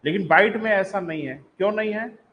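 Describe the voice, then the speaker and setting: High-pitched Hindi teacher lecturing. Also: male voice, fairly quick, lo-fi sound, slight background noise. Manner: calls students "beta", asks and answers his own questions. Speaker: geography teacher. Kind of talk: live online class lecture.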